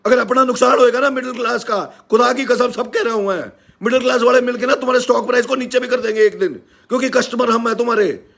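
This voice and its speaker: Haryanvi guy yelling on a live stream, super high voice, kinda gravelly. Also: steady tone, fast talker, hardly any pauses. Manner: loud, indignant, scolding. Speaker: live-stream host and teacher. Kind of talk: angry live-stream rant.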